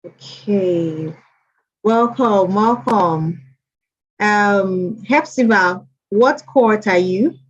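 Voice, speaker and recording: A woman of medium pitch talks extremely slowly as she hosts an online mentorship session. She's chatty, reading names aloud and repeating welcomes to each attendee, heard through dull, lo-fi stream audio.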